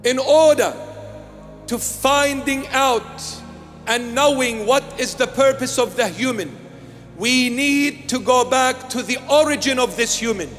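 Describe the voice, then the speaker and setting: With an extremely high, fairly bright voice at a measured pace, an older Iraqi-born bishop preaches emphatically, repeating key phrases into a handheld microphone. The small church, with its altar and candles, gives a long reverb tail, and soft music plays in the background.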